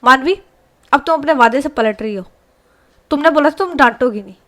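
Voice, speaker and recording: A sulky young woman patient in a spoken love story, wheedling and pleading, as a woman narrator voices her. Her voice sits fairly high and stays close to the teller's own. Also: brisk, a bit bright.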